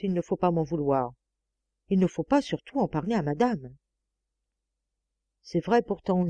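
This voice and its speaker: A woman's voice: lowish voice, mellow, no echo, natural voice. Woman reading as a stammering lecherous old master. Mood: ashamed. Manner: stammering, pleading. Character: lecherous stammering older male employer.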